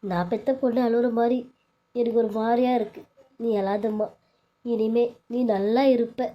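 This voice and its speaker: A woman's voice: on the high side, steady tone, moderate pace, dull audio, natural voice. A woman voicing a scheming mother-in-law in a cartoon serial, who scolds one daughter-in-law and fusses over the other. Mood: coaxing. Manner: scolding and dismissive, then fussing and coaxing. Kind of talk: Tamil cartoon serial voice acting.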